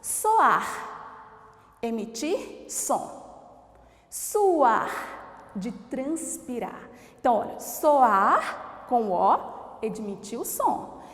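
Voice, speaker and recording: A woman teacher from Brazil leads a grammar lesson, slowly spelling out each word and asking her class whether they follow. Her voice is high and swings widely in pitch. The room around her is echoey with a long reverb tail. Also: sing-song. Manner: slow, didactic, sounds out words and asks the class questions.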